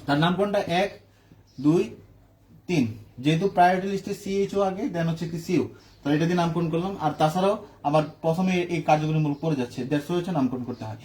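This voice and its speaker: A man with a high voice teaches a chemistry class, walking students through the steps. He asks a question and answers it himself, then checks that everyone is following. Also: quick pace, a little mellow. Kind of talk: classroom lecture.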